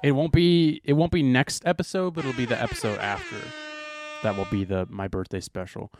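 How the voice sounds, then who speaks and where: A man's voice: mid-range voice, steady tone, fairly quick, loud music behind the voice. A man in his twenties co-hosting a podcast in casual, joking chat. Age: 20s. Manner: joking, teasing. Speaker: podcast co-host.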